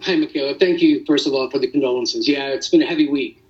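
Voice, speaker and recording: Man, father, interview guest, halting, emotional, restarts, distant-sounding mic. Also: medium pitch, a little mellow, muffled recording. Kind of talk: remote news interview.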